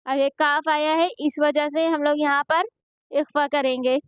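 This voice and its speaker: Woman teacher, high voice, slow and patient, spells out syllables, dry close sound. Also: steady tone, no room sound. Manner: patient, spells letters slowly then explains quickly. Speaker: Quran reading teacher. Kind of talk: slow spelled-out recitation drills with explanations.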